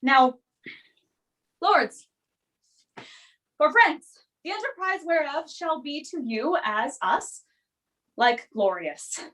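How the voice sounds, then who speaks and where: A woman playing a stern, commanding warrior king with declamatory, measured Shakespearean stage delivery. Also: high-pitched, animated, bright, forceful tone, full character voice, poor audio. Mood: resolute.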